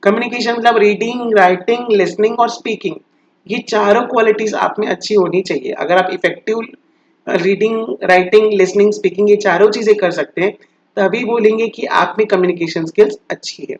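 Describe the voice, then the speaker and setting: Male commerce teacher, high voice, patient lecture delivery, dull lo-fi mic. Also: steady tone. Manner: explains step by step, often asks and answers his own questions; drags out English definitions slowly, as if dictating. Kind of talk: recorded classroom lecture. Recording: dull lo-fi sound.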